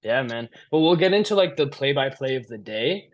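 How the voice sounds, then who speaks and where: A man's voice: medium pitch, lively intonation, brisk, lo-fi sound. A man hosting a podcast, asking a guest questions in a friendly, easygoing way and laughing along. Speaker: podcast host. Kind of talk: casual interview chat.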